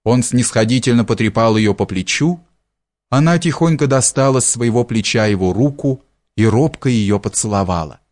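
A man's voice: mid-range voice, lively intonation, moderate pace, a little mellow. Man reading a classic story aloud. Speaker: audiobook narrator. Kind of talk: scripted literary narration.

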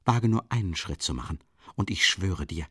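A man voicing a furious young woman who holds a gun, shouting fierce accusations in an audiobook reading. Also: deep voice, expressive, moderate pace, slightly rough, no echo, clean studio sound, full character voice.

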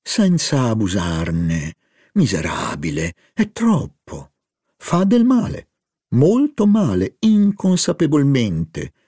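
A man's voice: mid-range voice, huge pitch swings, slow, dark tone, husky, dry recording, studio quality, pitched above the performer's own voice, exaggerated voice. A man reading an audiobook, voicing a scheming older society hostess with a coaxing, theatrical manner. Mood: indignant.

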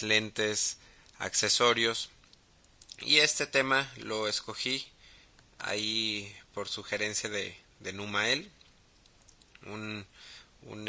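A man with a Mexican accent hosting a casual podcast, talking haltingly with many fillers and restarts. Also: lowish voice, creaky, bright, forceful tone. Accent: Mexican Spanish. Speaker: podcast host.

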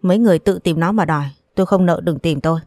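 A calm old father in a storybook who answers his son's creditors with firm, short words, read by a woman narrator. The voice sits low and even, recorded dry and close. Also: rapid-fire, no room sound, soft background music, natural voice. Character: calm stubborn older father.

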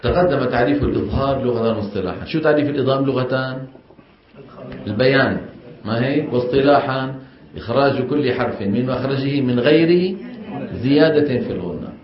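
A man with a Levantine Arabic accent teaching a class on Quran recitation. He keeps asking the class questions and has them repeat after him. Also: medium pitch. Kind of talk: classroom lecture. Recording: echoey, dull lo-fi classroom recording.

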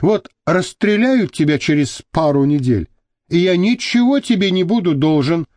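A man's voice: high voice, lively intonation, moderate pace, a little mellow, dry recording. A man voicing a wailing Chechen guard. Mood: pleading. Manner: wailing, self-pitying. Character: lamenting Chechen male kidnapper guard, pious and sly.

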